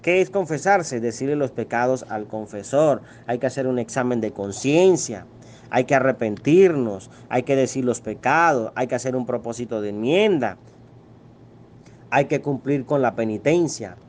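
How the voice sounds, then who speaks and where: Priest, man, middle-aged, mid-pitched, preaching with forceful rhetorical questions. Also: animated, normal speed, a little hiss or hum. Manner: emphatic preaching, rhetorical questions, acts out quoted voices. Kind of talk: sermon.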